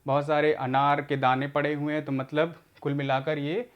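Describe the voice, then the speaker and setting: A man teaching adult literacy, explaining each step slowly and patiently and checking in after each point. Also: on the high side, flat delivery, muffled recording.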